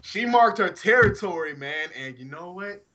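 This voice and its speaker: With a high-pitched, expressive voice that's bright and forceful, the Alabama co-host talks at normal speed. He's reading listener messages on a casual fan podcast full of crude, teasing banter.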